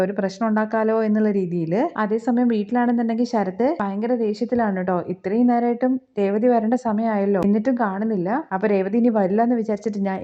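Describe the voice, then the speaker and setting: A woman's voice: fairly high pitch, mellow, dull audio. A woman with a Keralan accent casually retelling a TV serial episode, running the characters' lines together with her narration. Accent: Keralan Malayalam. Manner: brisk retelling with tag words and quoted dialogue. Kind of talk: casual spoken episode recap.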